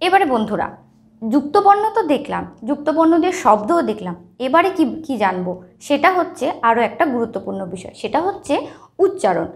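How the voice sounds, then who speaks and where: Lively high-voiced woman teaching. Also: a little fast. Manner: explains step by step, checks often with the listener. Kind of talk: lesson on writing and pronunciation.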